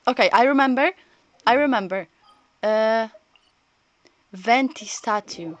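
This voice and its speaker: With game music behind her, a female streamer talks casually through a story game, her thoughts coming out in a halting, rambling way. The voice is fairly high, and the muffled recording has no echo.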